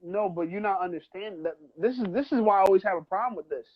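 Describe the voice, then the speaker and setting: Talking fast in a high-pitched voice, this American man, born to Trinidadian parents, co-hosts a podcast and pushes his argument in a heated but casual debate. He often says "you know what I'm saying," and the recording cuts off the highs.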